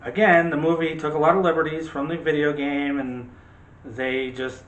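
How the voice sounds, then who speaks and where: This co-host of a movie discussion show talks emphatically and directly to viewers in a casual, opinionated chat. His voice sits on the high side with a level tone and moderate pace, and the highs sound cut off. Faint background noise and a roomy echo fill the recording.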